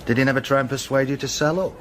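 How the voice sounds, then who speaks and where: A man acting in a radio drama as a patient, middle-aged detective inspector, asking terse, polite, quietly probing questions. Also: medium pitch, fairly even intonation, racing, a little hiss or hum, lightly acted. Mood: probing, dry.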